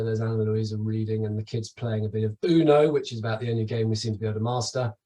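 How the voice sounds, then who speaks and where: A middle-aged man from the United Kingdom, presenting for a travel company, gives a chatty, enthusiastic webinar talk over slides full of asides and restarts. His voice is medium-pitched and mellow, captured from a distance in poor audio.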